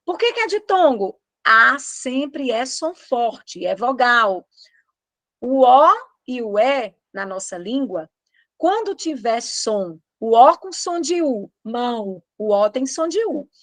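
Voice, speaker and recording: A Brazilian woman teaching grammar with a lively, swooping voice that sits on the high side. She talks slowly and emphatically, stretching out each example word, close to the mic in a dry, dead room. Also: dry recording. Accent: Brazilian Portuguese. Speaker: Portuguese teacher. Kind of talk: online exam-prep lesson.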